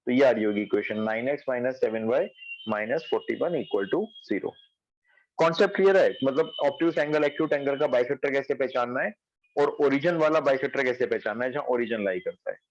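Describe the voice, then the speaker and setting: A male math teacher runs an online class from his home, explaining each step out loud and checking that students understand. He speaks briskly at a middling pitch. The audio sounds dull and lo-fi, completely dry with no echo.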